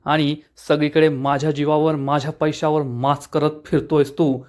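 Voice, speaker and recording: A man's voice: fairly high pitch, flat delivery, normal speed, darkish tone, natural voice. A man reading the lines of an angry, domineering older male politician who taunts his son with scorn.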